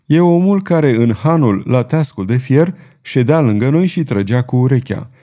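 A man's voice: mid-range voice, expressive, warm tone, natural voice. A man voicing a bold, ironic male swordsman who speaks coolly and commandingly. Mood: cold.

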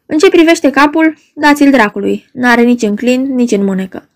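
A woman reading aloud, giving voice to a frightened, pleading male barman who implores in a trembling tone. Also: high-pitched.

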